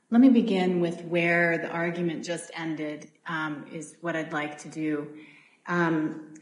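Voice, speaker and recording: A woman attorney giving a formal appellate oral argument, measured and polite with occasional fillers. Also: lowish voice, reverberant, rough recording. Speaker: attorney arguing for a city.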